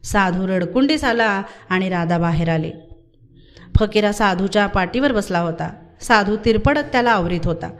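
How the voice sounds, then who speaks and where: A woman narrating a novel in an even, storytelling manner. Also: mid-range voice, normal speed. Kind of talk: audiobook novel reading.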